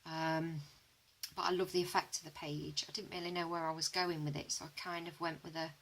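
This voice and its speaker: A woman, narrating an art journal flip-through in a relaxed, chatty way with frequent ums, hoarse as she loses her voice. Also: fairly quick, slight background noise, rough recording. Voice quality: low, flat and gravelly voice.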